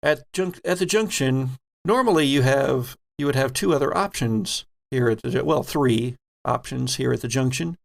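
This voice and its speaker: With a mid-range voice and vocal fry, this male game master narrates a horror tabletop RPG, building each scene deliberately and pausing partway through phrases.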